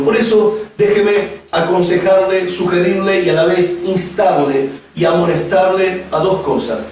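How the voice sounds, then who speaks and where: Recorded at a distance in an echoey room, this man's somewhat high, slightly mellow voice carries a sermon-style Bible lesson to a camera audience. He is a pastor teaching a Bible course, preaching emphatically with repetition and rhetorical questions, while faint ambient noise sits underneath.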